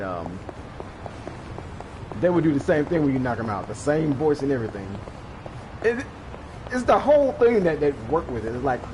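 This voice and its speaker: A man's voice: on the high side, background noise. Rambling, laughing man gamer. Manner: rambling, laughs a lot, acts out screams. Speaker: gaming YouTuber. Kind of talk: casual let's-play commentary. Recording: game music behind voice.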